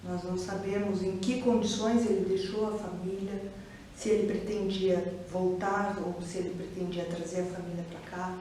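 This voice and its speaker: Brazilian woman, curitiba accent, mellow voice, hesitant reflective interview talk, far off mic in a real echoey room, faint hum. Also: on the low side, little pitch movement. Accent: Brazilian Portuguese, Curitiba. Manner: reflective, hesitant, many pauses and restarts. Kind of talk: personal testimony interview.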